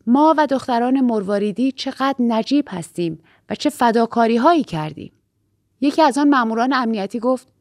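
A woman reading a first-person story aloud, at a middle pitch for a woman, and with a measured, steady delivery. The recording is dry and close, with no room echo at all. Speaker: audiobook narrator. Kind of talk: scripted first-person narration.

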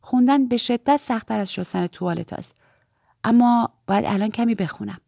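An earnest, eager teenage girl, voiced by a woman reading a storybook aloud, confiding in a friend. The voice carries a gravelly, husky edge, and the sound is dry and close. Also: on the high side, mellow, no room sound. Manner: eager, confiding, drops to a whisper when fearful.

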